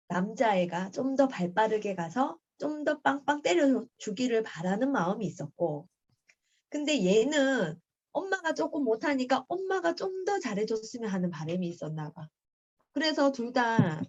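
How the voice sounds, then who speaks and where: A middle-aged woman tells a personal story to her book club in casual talk. Her fairly high voice swings widely as she acts out what people said. The video call audio sounds dull and lo-fi. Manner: animated, acts out quoted lines in a raised voice.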